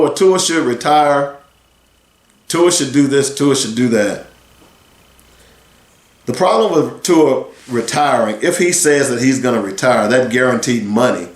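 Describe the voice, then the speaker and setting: A man's voice: mid-range voice, reverberant. Sixty-something man hosting sports talk radio. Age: 60s. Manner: earnest, rambling, conversational. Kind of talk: solo talk radio commentary.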